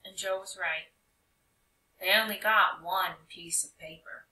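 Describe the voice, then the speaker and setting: A woman reading a children's picture book aloud in an expressive, animated way with emphatic phrasing. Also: lowish voice, a little slow. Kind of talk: expressive storybook read-aloud narration. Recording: roomy echo, distant mic.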